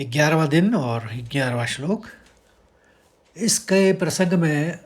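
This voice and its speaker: A man from India teaching the pronunciation of a Sanskrit verse step by step, with a patient, explaining manner and slow chanting of the lines. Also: a little high, a little mellow. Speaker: Gita recitation teacher.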